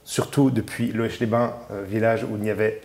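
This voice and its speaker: A man in his thirties talks through his musical path as a radio guest. His voice is warm and mellow, and he hesitates often, piling up fillers and restarting his sentences. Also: fairly low pitch, steady tone, a little fast. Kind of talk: casual radio interview.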